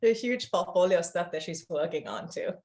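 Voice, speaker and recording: Woman from Singapore, podcast guest, lowish voice, warm, enthusiastic, soft fillers. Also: sing-song, fairly quick. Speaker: board member, guest. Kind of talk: casual interview chat.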